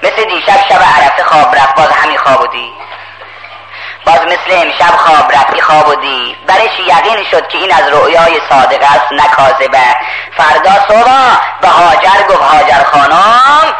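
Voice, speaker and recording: A man's voice: a little high, expressive. A man preaching a sermon, telling a story dramatically and emphatically. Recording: echoey hall with crowd.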